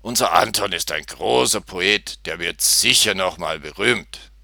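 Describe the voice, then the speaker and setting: A man's voice: low voice, a little slow, vocal fry, pushed and bright, dry recording, clean studio sound, exaggerated voice. A man voicing a jovial older man who talks in a friendly way, in a storybook reading. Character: jolly older man drinking beer on a bench.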